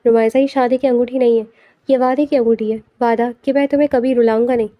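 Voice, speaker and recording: A woman's voice: fairly high pitch, steady tone, no room sound, muffled recording, natural voice. A loving young husband, read by a woman. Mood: tender. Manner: tender and affectionate.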